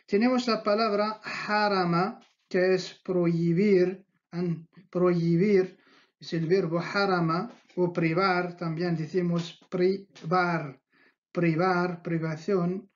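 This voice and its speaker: Slow, patient teacher, dull audio. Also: medium pitch, fairly even intonation. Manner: slow, patient, repeats words for drilling. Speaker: Arabic teacher. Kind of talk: language lesson.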